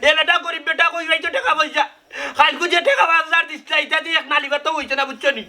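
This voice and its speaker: A man's voice: extremely high pitch, very fast, bright, forceful tone, heavily acted. An actor with a Sylheti accent playing a pushy man who demands money for treatment and scolds insistently. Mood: scolding. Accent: Sylheti Bengali. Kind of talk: rural comedy drama acting.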